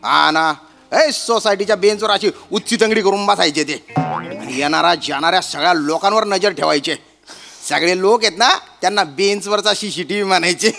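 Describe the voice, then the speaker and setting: A gravelly, hearty joking neighbour. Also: male voice, high voice, moderate pace, sharp tone, big-room sound, soft background music, heavily acted. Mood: teasing. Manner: hearty, teasing storyteller. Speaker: comedy sketch actor. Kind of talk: stage comedy sketch.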